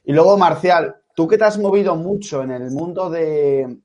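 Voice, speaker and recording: A man's voice: a little high, moderate pace, warm tone. A man, hosting a casual round-table discussion. He sets up his questions at length, wandering before he gets to the point.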